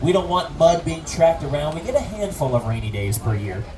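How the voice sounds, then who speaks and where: A tour guide delivering lively scripted narration with a theatrical, joking manner and mock alarm, outdoors on a tram. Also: medium pitch, brisk, background noise.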